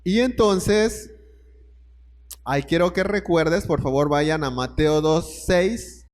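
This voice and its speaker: A man's voice: fairly high pitch, slow, big-room sound. A man preaching a sermon, telling the story and putting questions straight to his listeners.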